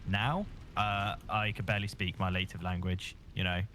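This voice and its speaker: A man's voice: sits low, fairly even intonation, moderate pace, pushed and bright, slight background noise. A man with a Bristol accent chatting casually on a stream, rambling with lots of fillers and repeated words. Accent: Bristol English. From England. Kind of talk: casual chat.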